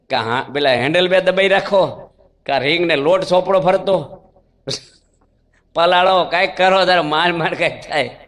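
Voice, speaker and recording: A man's voice: a little high, fairly bright tone. Man preaching in a reverberant hall. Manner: storytelling with rhetorical questions and quoted dialogue. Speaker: swami giving a religious discourse. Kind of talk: sermon.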